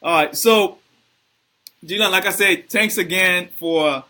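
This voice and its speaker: A man hosting a live video interview, asking halting questions full of fillers and giving viewer shout-outs. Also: high-pitched. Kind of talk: casual live-stream interview.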